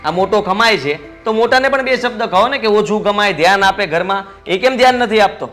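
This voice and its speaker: A smug, idle young son argues back at his father with mocking retorts. His voice is high and bright, and faint music plays under him. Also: animated, fairly quick. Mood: defiant. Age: young adult.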